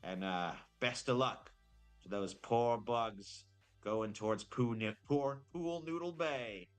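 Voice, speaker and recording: A man's voice: mid-range voice, slow, faint music behind, close to an everyday voice. A man voicing a veteran male redback spider general with a put-on Australian accent, giving plainspoken rallying orders. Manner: rallying, plainspoken soldier talk.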